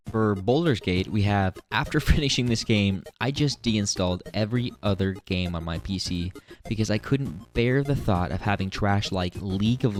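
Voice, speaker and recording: A young man hosting a comedic commentary, reading game reviews in a sarcastic, animated way. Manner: sarcastic, animated, sudden high squeaks.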